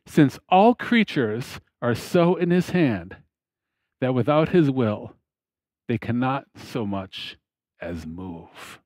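A man in his fifties preaching a sermon from a church lectern on a headset mic, slow and deliberate, with emphatic pauses and phrase ends that fall away. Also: medium pitch, very animated, a little mellow, no room sound. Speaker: pastor. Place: church platform behind a lectern, indoors.

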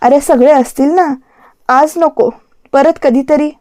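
A woman's voice: high-pitched, steady tone, slow pace, dark tone, no echo, clean studio sound. A woman reading as a pleading young wife. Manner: pleading, evasive. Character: young wife, evasive and tearful.

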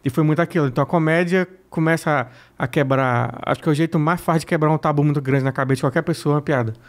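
Brazilian man, comedian guest, rapid-fire and foul-mouthed, lively storytelling. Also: on the high side. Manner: blunt, profane, animated storytelling. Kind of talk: casual interview chat.

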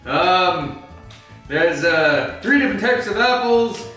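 This man's exaggerated Batman, gruff and brooding, is a flustered cooking-show host who rambles through explanations and bursts into anger in a home kitchen. His voice sits high and sounds animated and sharp, though he speaks slowly. Faint music plays, the mic is far away, and the room echoes heavily.

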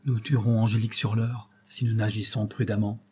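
A man voicing a shaken colonel who speaks in a low, sombre way. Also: level tone, brisk, warm tone, a little hiss or hum, natural voice.

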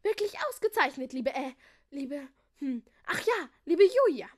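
A woman's voice: high-pitched, sing-song, unhurried, a little mellow, pitched above the performer's own voice. A forgetful old fairy-tale king who stumbles over names and frets, read aloud by a woman. He dithers and hesitates. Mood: delighted. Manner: dithering, anxious.

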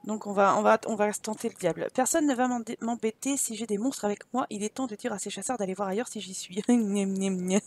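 A woman's voice: medium pitch, quick pace, hardly any pauses, no echo. A woman hosting a gaming video, chatting playfully and reading in-game dialogue aloud from a close microphone. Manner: chatty and playful, reacting with laughs and asides. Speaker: gaming channel host.

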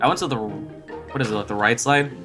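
A man banters casually with a friend while they play a video game together. His mid-range voice is brisk and a bit bright, and background music plays under him.

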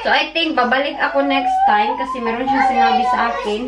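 A woman's voice: sits high, a little fast. A woman with a Filipino accent chatting casually to her viewers in a family vlog, speaking to the camera from her phone between moments with her kids. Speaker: family vlogger. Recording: roomy, distant phone mic with background noise.

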